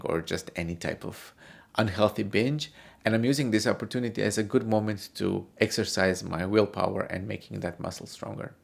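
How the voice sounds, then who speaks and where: A man from Croatia talks through his drawing process in a casual vlog, open and reflective about how he feels. His voice sits a bit low, with a gravelly, fry-tinged texture. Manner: candid, self-reflective. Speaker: art vlogger.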